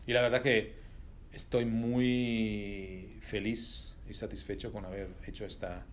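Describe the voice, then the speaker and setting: Speaking Spanish in an interview, this middle-aged company executive from Italy is a native Italian speaker with a lowish, level voice and slight background hiss or hum. His answers are reflective, broken up by frequent pauses, fillers and restarts.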